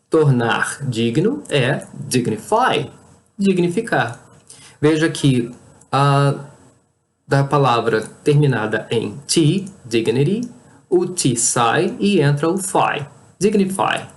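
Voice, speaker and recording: A teacher, explaining a language lesson with patient care and reading word lists one word at a time. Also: medium pitch. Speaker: English teacher.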